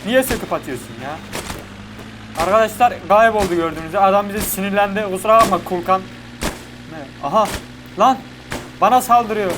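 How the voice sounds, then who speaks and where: A man giving chatty, excitable let's-play commentary to his viewers. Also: sits high, a little fast, pauses often. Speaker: gaming YouTuber. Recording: game audio and vehicle noise behind.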